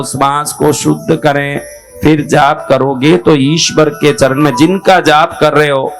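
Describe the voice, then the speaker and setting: A man giving slow spiritual instruction, repeating key phrases and asking his listeners rhetorical questions. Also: fairly high pitch. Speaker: spiritual teacher. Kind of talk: spoken religious instruction. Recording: faint music behind.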